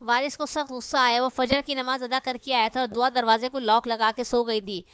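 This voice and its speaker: A woman narrating a romance novel in steady, dramatic storytelling. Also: a little high, smooth, dry recording.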